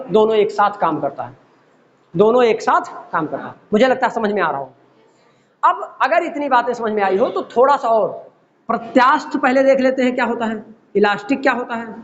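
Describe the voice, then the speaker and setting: A man teaching a physics class, explaining with everyday examples and often asking the students whether they follow. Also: high voice. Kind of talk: classroom lecture. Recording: dull lo-fi classroom recording.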